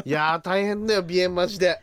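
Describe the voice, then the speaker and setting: A man's voice: high voice, steady tone, fast, fairly bright tone, clear, resonant tone. A man co-hosting a comedy radio show, firing back exasperated retorts as the straight man, with a stuffy nose from hay fever. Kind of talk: comedy duo radio banter.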